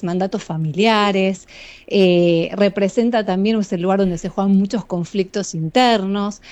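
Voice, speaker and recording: An Argentine woman psychologist answering interview questions in a measured, explanatory way, often speaking straight to the listeners. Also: lowish voice, warm tone, no echo. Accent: Argentine Spanish. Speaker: psychologist and author, guest.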